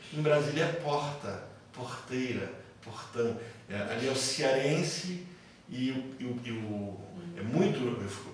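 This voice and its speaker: A man's voice: medium pitch, slight background noise. Brazilian man with a light São Paulo interior accent teaching a class, anecdotal and repetitive, recorded from afar in a roomy hall. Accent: light São Paulo interior Brazilian Portuguese. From interior of São Paulo state, Brazil. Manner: conversational, repeats himself, tells anecdotes. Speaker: psychoanalysis teacher. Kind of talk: lecture to a class. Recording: echoey classroom from far off.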